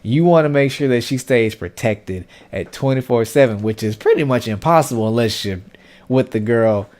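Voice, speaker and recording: A man's voice: mid-range voice, expressive, moderate pace, a little mellow. A man in a mid-range voice talks through a comic episode for his channel. He chats loosely and with strong opinions, leaning on fillers and slang as he goes. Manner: conversational and opinionated, heavy on fillers and slang like "y'all" and "dude". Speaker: webtoon recap host. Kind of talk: casual commentary recapping a comic.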